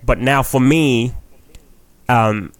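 A guest comedian from New Zealand, with a New Zealand accent, talks frankly and at length on a casual podcast, swearing freely and restarting his sentences. His voice is medium-pitched and extremely slow, in a dry recording.

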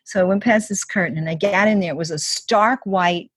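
A woman's voice: medium pitch, fairly quick, husky. An older woman telling a story casually in an interview, chatty, with many "like" and "you know" fillers and acted-out quotes.

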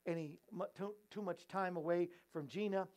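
Chatting and joking with crew and viewers, a man hosts a show in a playful, easygoing manner. His voice is high-pitched and a little mellow, at a moderate pace.

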